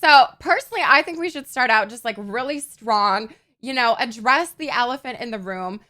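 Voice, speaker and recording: A woman's voice: a little high, lively intonation, moderate pace, sharp tone. A young woman hosting a casual podcast chat, giggly and gushing, with lots of "like". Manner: giggly and gushing, says "like" often. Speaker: podcast host.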